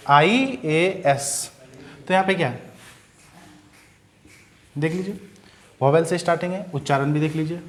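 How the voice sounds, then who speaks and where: A young man teaching a grammar lesson, who asks questions and answers them himself and sounds words out slowly. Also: a little high. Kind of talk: Hindi-medium English grammar lesson.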